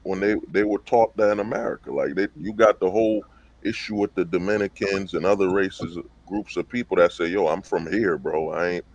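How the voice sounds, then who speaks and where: A man's voice: sits low, brisk, dry recording. A man on a livestream panel talking casually and emphatically, full of slang and rhetorical questions over a call mic. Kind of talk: casual debate talk.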